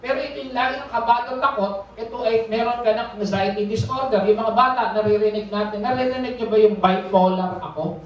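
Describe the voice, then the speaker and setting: Preacher in an echoey church hall. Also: mid-range voice. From Philippines. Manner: interactive, often checks in with the congregation; reads verses aloud, then explains them. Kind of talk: Sunday sermon. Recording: echoey hall, distant mic, faint noise.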